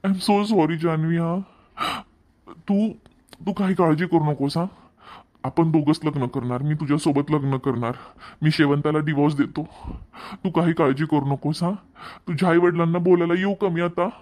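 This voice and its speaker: A man's voice: a little high, steady tone, normal speed, darkish tone, lightly acted. A man voicing an insistent, earnest young married man in a cartoon story, with a Marathwada Marathi accent. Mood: apologetic. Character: married young man, pushy then apologetic lover.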